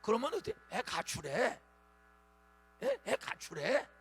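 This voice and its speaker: A man in his sixties, a pastor preaching a dawn revival sermon in a church, with lively call-and-response prompts to the congregation. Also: very high-pitched, takes it slowly, slightly rough, faint music behind. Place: church sanctuary.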